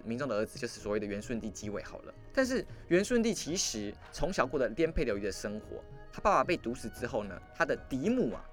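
A man hosting a history podcast, telling the story in a lively, conversational way with asides to the listener. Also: mid-range voice. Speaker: podcast host. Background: faint background music.

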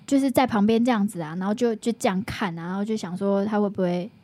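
A woman's voice: mid-range voice, fast, warm tone. A woman with a Taiwanese Mandarin accent, co-hosting a podcast in casual chat, feisty and eager to argue. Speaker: podcast co-host.

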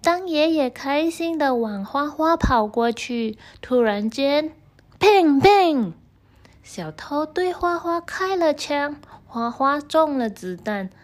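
A woman storyteller reading a story to children and gently speaking to them directly. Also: on the high side.

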